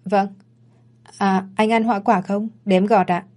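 A woman's voice: medium pitch, level tone, measured pace, dark tone, lightly acted. A woman voicing a timid young maid from the countryside, polite and pleading.

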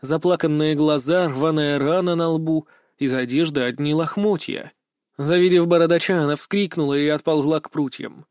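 A man narrating a first-person fantasy audiobook in an expressive storytelling manner. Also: on the high side, moderate pace, clean tone, dry recording, studio quality.

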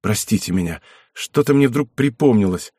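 A man's voice: lowish voice, lively intonation, moderate pace, mellow, breathy edge, dry recording, clean studio sound. A man voicing an earnest, courteous young knight in an audiobook. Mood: moved.

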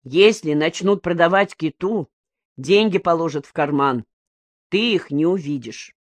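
A calm older fisherman explains things quietly and patiently, as a woman reads him in an audiobook. The delivery is steady and close, with a dry sound. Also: low-pitched, measured pace, no echo.

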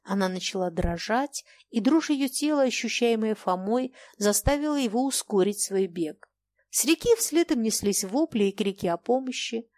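A woman reading a classic novel aloud in an expressive, measured way. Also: on the high side, no room sound. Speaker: audiobook narrator. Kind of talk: scripted narration of a classic novel.

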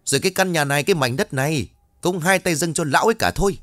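A man's voice: fast, soft background music, natural voice. A man voicing a greedy, harsh young daughter-in-law who snaps and hisses. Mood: spiteful. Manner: shrill, spiteful, snapping.

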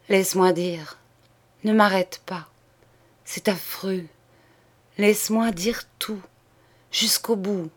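A woman reading aloud, voicing a dying middle-aged woman who confesses to her sister in a hoarse, halting whisper. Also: medium pitch. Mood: anguished. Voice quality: hoarse, halting broken phrases. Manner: whispered pleading.

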